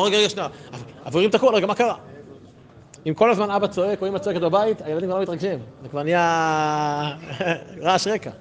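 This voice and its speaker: A man giving a religious lesson, talking conversationally and asking rhetorical questions, with sudden emphatic rises. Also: sits high. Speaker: religious teacher. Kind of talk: Torah lesson to a group.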